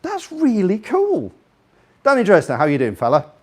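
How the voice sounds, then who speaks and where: The voice is high-pitched and husky, swinging hugely in pitch at a normal speed. A guest speaker with a slight Liverpool accent, the man rambles and jokes in an informal live talk in a room, questioning his listeners directly.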